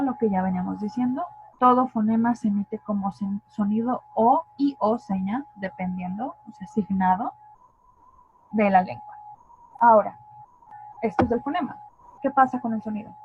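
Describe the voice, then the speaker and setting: A woman's voice: mid-range voice, a little hiss or hum. A woman with a Mexican Spanish accent giving an online linguistics lesson, explaining step by step and asking her class rhetorical questions. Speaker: linguistics tutor. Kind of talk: online lecture. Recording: dry, phone-like narrow sound.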